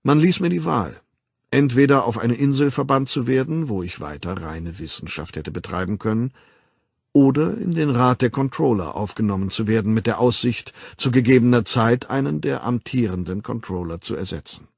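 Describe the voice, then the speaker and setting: A man voicing a calm, worldly male ruler who lectures in a measured, ironic way, in an audiobook. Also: medium pitch, vocal fry, husky, dry recording, clean studio sound. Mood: calm superior.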